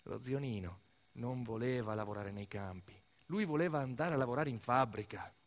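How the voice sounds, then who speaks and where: With music playing beneath his voice, a medium-pitched man speaking at normal speed performs a theatrical storytelling monologue for radio theatre. His delivery is conversational yet emphatic, packed with asides and lists.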